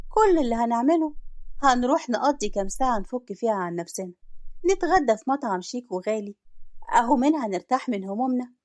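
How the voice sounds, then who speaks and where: A persuasive, scheming woman colleague in an audio story, sure of herself and pushing hard, as a woman narrator puts her on. Her Egyptian accent carries a fairly high, insistent voice. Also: a little mellow, no echo, lightly acted. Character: scheming female coworker, confident and persuasive.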